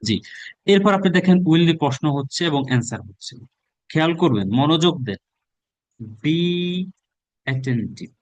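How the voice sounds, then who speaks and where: A Bangladeshi man teaching a spoken English class, drilling phrases through rapid repetition. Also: mid-range voice, no echo.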